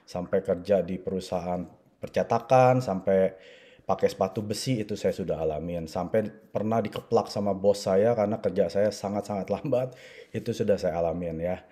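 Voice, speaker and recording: A man's voice: low voice, moderate pace, dark tone. A man in his forties from Indonesia, telling his life story to an audience in a chatty way, often tagging sentences with little fillers. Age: 40s. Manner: conversational, frequent filler "ya" and "gitu". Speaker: network marketing speaker. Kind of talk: personal story talk to an audience.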